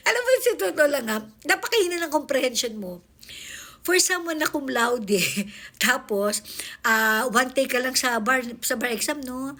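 A woman vlogger with a fairly high voice talks over clips in casual reaction commentary. She mocks, laughs between lines and swears freely. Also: expressive, normal speed, fairly bright tone. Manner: mocking, laughing often, swearing.

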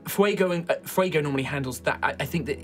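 A man's voice: a little high, fast talker, soft background music, voice pushed up, natural voice. A man voicing a flustered, nervous young female student in a tabletop game, stammering and trailing off. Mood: nervous, hesitant.

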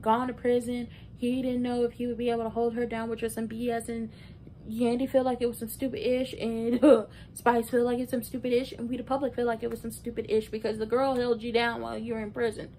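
Speaking a little fast and with flat delivery, this early-twenties woman has a mellow voice as she gives opinionated, emphatic recap commentary in a conversational vlogger style. She's indoors in a small bedroom, and the recording picks up room noise and a low rumble.

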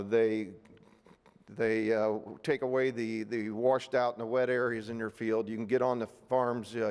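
A man's voice: medium pitch, a little mellow. A middle-aged man from Ohio moderating a panel at a podium, plain-spoken with many fillers and restarts. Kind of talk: public panel remarks. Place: large hotel ballroom meeting. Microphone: podium microphone. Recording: long reverb of a big hall.

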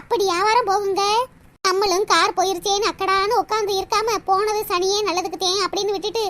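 Voice actor doing a very high-pitched young village wife, pleading and nagging, cartoon. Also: steady tone, quick pace, fairly bright tone, a little hiss or hum. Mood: encouraging. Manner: pleading, scolding then encouraging. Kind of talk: cartoon voice acting.

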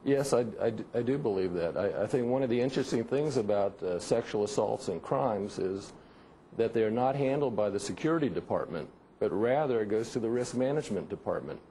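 An older man, a maritime injury lawyer, answering in a measured, halting way during a remote news interview. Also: fairly low pitch, expressive, mellow, a little hiss or hum, rough recording. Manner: measured, halting, restarts often. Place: remote TV studio.

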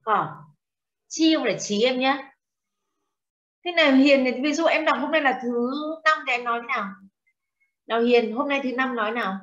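A woman's voice: high voice, normal speed, pauses often, fairly bright tone. A woman teaching a translation class, questioning students and explaining terms with foreign words mixed in. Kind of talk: classroom lecture. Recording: dull lo-fi sound.

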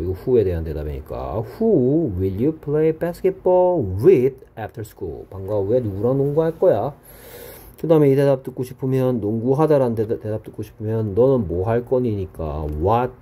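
A man teaching English grammar in a recorded exam-prep lesson, explaining step by step and reading English example sentences slowly. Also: medium pitch, warm tone, husky.

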